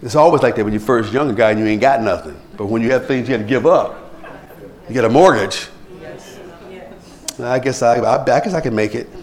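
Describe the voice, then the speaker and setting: A man's voice: a little fast, long pauses. A man preaching a sermon as pastor, telling stories and acting out the people he quotes. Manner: preachy, animated, acts out quoted people in rising pitch. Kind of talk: sermon with anecdotes.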